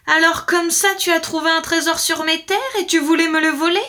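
A woman voicing a harsh, domineering male lord in a storybook reading, with stern shouting. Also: extremely high pitch, steady tone, brisk, voice pushed up. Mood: angry, harsh.

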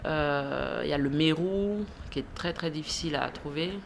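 A woman's voice: sits low, normal speed, gravelly, slight background noise. A woman in her thirties from Ivory Coast, a shop manager, answering interview questions hesitantly with frequent fillers and laughs. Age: 30s. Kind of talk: radio interview.

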